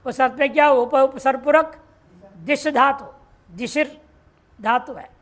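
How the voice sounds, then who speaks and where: A woman teaching Sanskrit grammar in a classroom lecture, reciting word forms slowly and explaining each step patiently. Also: sits high. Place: ashram classroom.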